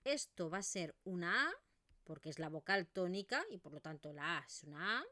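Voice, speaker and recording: A woman's voice: lowish voice, expressive, normal speed, bright, forceful tone, dry recording, studio quality. A woman with an Eastern Catalan accent teaching pronunciation in an online video lesson, modelling vowel sounds as she explains.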